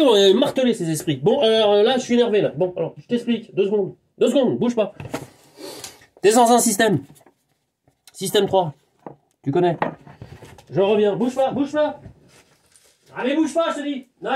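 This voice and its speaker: A man hosting his own channel, rambling in a live monologue to the camera, excitable and digressive, talking to himself and swearing. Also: on the high side. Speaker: channel host.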